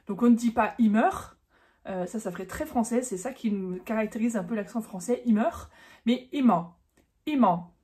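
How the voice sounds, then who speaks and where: A woman's voice: fairly high pitch, brisk, hardly any pauses, mellow. A woman giving a casual, chatty online German lesson, correcting herself as she goes and stretching out the example words. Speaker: German teacher.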